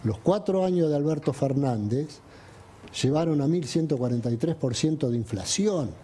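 An Argentine man speaks in emphatic, listing declarations as an interviewee. His voice is dark and somewhat husky. It is heard in a replayed interview clip. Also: a little high, lively intonation, normal speed. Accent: Argentine Spanish. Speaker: business chamber president in a played interview clip. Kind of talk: interview answers.

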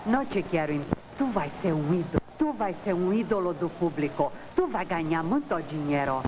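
An actress playing a solemn young fortune-teller with an ominous, portentous manner in a 1950s film melodrama. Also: female voice, on the low side, big pitch swings, normal speed. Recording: noisy old film soundtrack.

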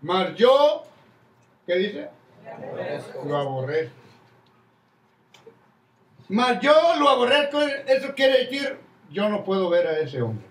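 A man's voice: high voice, sing-song, slow, pauses often. An older man, a pastor, preaching a sermon and calling his listeners "brother" along the way. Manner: preaching with many "hermano" asides. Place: church hall with crowd, indoors. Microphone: stand mic at pulpit. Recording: echoey room, distant from mic.

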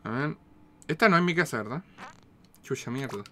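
A man with a Chilean accent giving casual, slangy, foul-mouthed and excitable commentary as he streams a video game. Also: medium pitch, moderate pace, a little hiss or hum. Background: game music.

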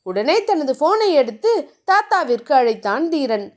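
A woman narrating a serialized romance novel in a steady storytelling manner. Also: high-pitched, moderate pace.

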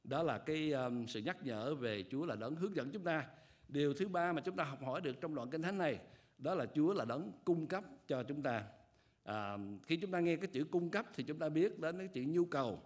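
An older man delivers a sermon from a church pulpit into a pulpit microphone. His delivery is measured and earnest, with frequent hesitation fillers as he explains each point. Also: on the high side, expressive. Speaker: pastor.

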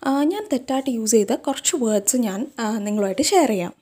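A woman's voice: on the high side, animated, fast, mellow. A young woman with a Malayali accent, a native Malayalam speaker, hosting a casual English pronunciation lesson and asking the viewer questions. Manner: chatty, asks the viewer questions. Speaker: English teacher, channel host.

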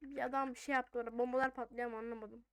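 A female gaming host with a noticeably high, smooth voice. She comments on her game casually, thinking out loud in informal speech. The sound is close and dry. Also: little pitch movement, very fast, no room sound.

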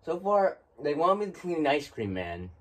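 A man's voice: on the high side, very animated, moderate pace, recorded from a distance. A man streaming a horror game, nervously commenting and talking back to the screen as he plays. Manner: jumpy, nervous, talks to the game, dares it to scare him. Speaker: gaming streamer.

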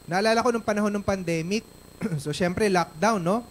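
A man's voice: sits high, normal speed, a little hiss or hum. A Filipino man, a guest speaker at a company event, telling a personal story on stage in a chatty way, ending lines with tag questions.

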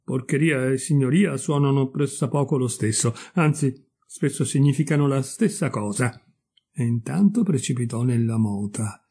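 A man narrating a classic fairy tale in an unhurried, expressive storybook style. His voice is mellow and dark, with a slightly husky grain. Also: mid-range voice. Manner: calm, measured, expressive reading. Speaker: audiobook reader.

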